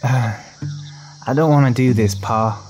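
A performer voicing a scared, timid frontier boy who answers slowly and hesitantly, over guitar music. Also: mid-range voice, darkish tone, natural voice. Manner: hesitant, slow, frightened.

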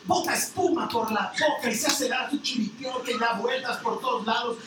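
A preacher telling a story in a lively, playful way, with acted voices. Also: mid-range voice, moderate pace. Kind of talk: sermon with humorous storytelling. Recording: echoey hall, distant mic, noise.

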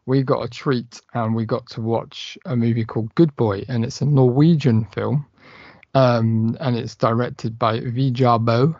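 A man's voice: mid-range voice, steady tone, a little slow, a little mellow, dry recording, lo-fi sound. A man co-hosting a horror film podcast, rambling casually with lots of fillers and the odd swear. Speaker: podcast co-host. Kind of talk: casual chat.

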